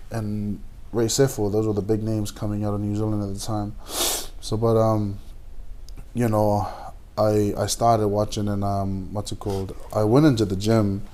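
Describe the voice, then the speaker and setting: A man in his twenties from Samoa, a guest pro boxer, talking in a halting way with many fillers and restarts. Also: fairly low pitch, dark tone. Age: 20s. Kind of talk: casual interview.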